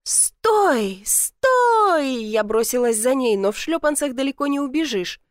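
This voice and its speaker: Lively woman narrating an audiobook. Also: fairly high pitch, brisk, dry recording, clean studio sound. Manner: lively, expressive storytelling. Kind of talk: first-person audiobook narration.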